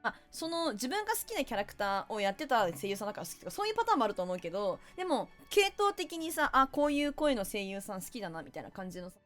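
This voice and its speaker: Young woman streamer, Kansai accent, talkative and playful, somewhat high and bouncy voice, close mic. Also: fast talker, hardly any pauses, faint music behind. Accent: Kansai Japanese. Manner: chatty, reads viewer comments aloud, playful and animated. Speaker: VTuber game streamer. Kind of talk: casual live-stream chat while gaming.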